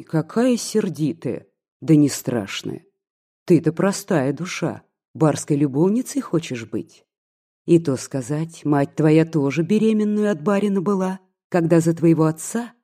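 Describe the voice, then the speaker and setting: A reader voicing a spiteful, gossiping old maid who mocks and pries, with a husky, mellow voice. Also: medium pitch, animated, a little slow. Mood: mocking. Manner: mocking, scolding, prying.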